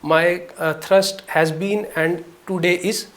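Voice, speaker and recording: A young man from Jammu and Kashmir answering interview questions politely and deferentially, pausing often to gather his words. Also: sits high, steady tone. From Jammu and Kashmir, India. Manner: polite, deferential, hesitant with many pauses. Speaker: interview candidate.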